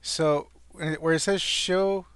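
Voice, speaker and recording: A man from California, where he lives, presents an informal screencast tutorial on online marketing, slightly wheezy and breathing a little hard after an asthma attack as he talks through each step. His somewhat high voice is fairly bright, clear and resonant, slow and fairly even in intonation, with no room sound.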